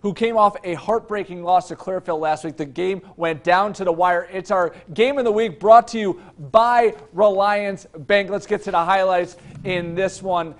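A man anchoring TV sports, narrating football highlights in an energetic, punchy way. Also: normal speed, hardly any pauses. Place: TV studio.

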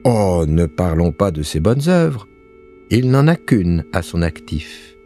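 A man's voice: sits low, expressive, slow, mellow, soft background music, heavily acted. A man voicing Saint Peter as a fond, wry old gatekeeper of heaven.

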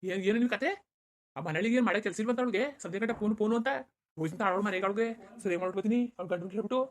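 A bossy, quick-tempered village husband, as a performer voices him in a cartoon quarrel. He berates his wife. His words tumble out at a rushing speed. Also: medium pitch, lightly acted. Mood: angry berating. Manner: shouting, berating, rapid. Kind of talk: cartoon voice acting.

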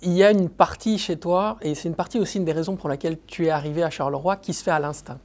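A man's voice: a little high, fast talker. A man interviewing a footballer, asking long, meandering questions full of fillers.

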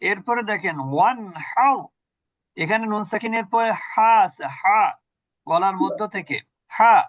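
Male Quran recitation teacher, patient, quizzes students; high voice, dry, dull audio. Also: unhurried, fairly bright tone, no echo. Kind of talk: online tajweed lesson.

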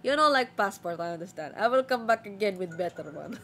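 A woman's voice: mid-range voice, expressive, fairly quick, a bit bright, slight background noise. A woman voicing a cheeky, persistent male traveler who speaks in chirpy broken English. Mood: cheerful.

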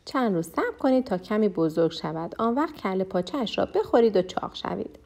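A woman's voice: mid-range voice, expressive, vocal fry, darkish tone. A woman voicing a small, polite female cat in a children's storybook, speaking with eager courtesy. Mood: proud.

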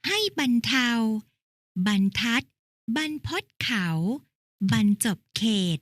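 A woman narrating a children's lesson in a clear, friendly storytelling tone. Her voice sits high, and the recording is close and dry. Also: animated, slow pace, a bit bright, no room sound.

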